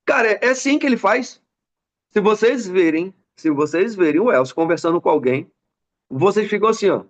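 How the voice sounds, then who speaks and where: A man's voice: sits high, normal speed, highs cut off. A Brazilian man giving a motivational business mentoring talk, telling stories and acting out the people in them. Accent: Brazilian Portuguese. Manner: animated storyteller acting out dialogue.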